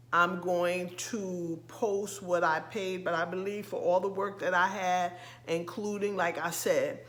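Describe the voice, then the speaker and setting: Middle-aged american lady vlogging, slight lisp, kinda slow and halting, bright voice. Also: fairly low pitch. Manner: halting, with frequent ums and restarts. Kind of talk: casual vlog talk to camera.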